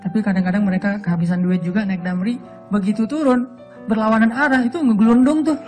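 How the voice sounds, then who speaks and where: A man from Aceh giving a humorous religious talk as a preacher, telling stories in a lively way and acting out quotes in a raised voice. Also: high voice, quick pace, over music. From Aceh, Sumatra. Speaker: Islamic preacher.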